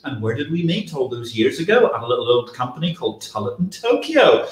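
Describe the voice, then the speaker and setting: A man's voice: mid-range voice, sing-song, brisk. A middle-aged man hosting a livestream, presenting in a theatrical, effusive and wordy way. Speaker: livestream host. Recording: roomy echo.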